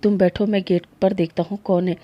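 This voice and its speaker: A woman voicing a worried, attentive young husband in a spoken story, asking gentle questions. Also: mid-range voice, level tone, fairly quick, lo-fi sound, natural voice. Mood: concerned.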